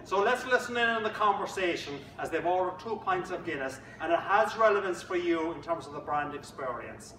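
A man's voice: high-pitched, animated, brisk, hardly any pauses, pushed and bright, slight background noise. An Irish man giving a humorous keynote speech, full of jokey storytelling and playful asides, recorded from a distance in an echoey conference room. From Ireland. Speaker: motivational keynote speaker.

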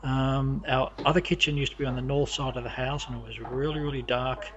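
A man walking through his home with a camera, narrating the rooms in a halting, casual way full of fillers and restarts. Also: medium pitch, little pitch movement, a bit bright, highs cut off, slight background noise. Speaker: homeowner giving a house tour. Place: inside a house, walking room to room.

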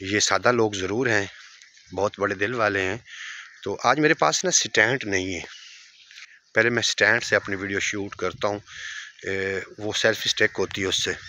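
This is a fairly low-pitched male voice at a moderate pace: a Punjabi-accented man in his thirties interviewing someone in his village. It's recorded outdoors in light rain on a selfie-style phone at arm's length, and he speaks up to his viewers but softens when on the move.

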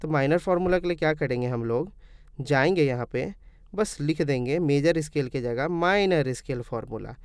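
This music theory tutor, a man whose voice sits on the high side with a clean tone and moderate pace, explains things step by step in a casual screen recording. He questions and answers himself and calls his viewers "brother" in a friendly way; the studio sound is clean, with no echo.

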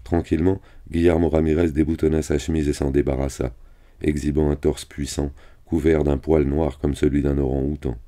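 Male reader with an extremely deep, dark voice, flat and steady, reading a novel aloud. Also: fairly quick.

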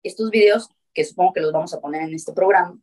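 Interview guest: woman, animal rescuer, lively storyteller who acts out quoted dialogue, lowish voice. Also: fast. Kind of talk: telling a story in a talk show interview.

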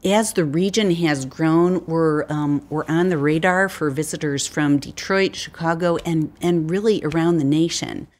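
A woman in her fifties, a winery wine specialist, answering interview questions in a relaxed, conversational way with frequent fillers. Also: low voice, a little slow, hardly any pauses. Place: indoor winery tasting room.

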